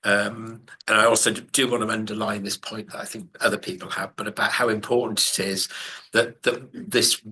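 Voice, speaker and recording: A man board member speaking over a video call, thoughtful and hesitant with many pauses and fillers. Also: on the low side, flat delivery, pushed and bright, a little hiss or hum. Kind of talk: meeting contribution.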